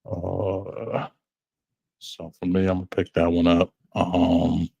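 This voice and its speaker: Deep gravelly man, slow and halting. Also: flat delivery, warm tone, dry recording, lo-fi sound. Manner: halting, many fillers, slow and reflective. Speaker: podcast co-host. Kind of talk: casual chat.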